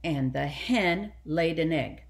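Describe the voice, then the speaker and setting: A woman librarian telling a children's story aloud, animated and asking the children questions. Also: low-pitched, slow pace, creaky.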